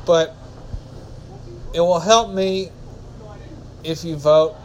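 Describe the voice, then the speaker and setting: A man's voice: a little high, fairly even intonation, very slow, slight background noise, low-quality recording. A man hosting a casual solo podcast, rambling and often correcting himself. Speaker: podcast host.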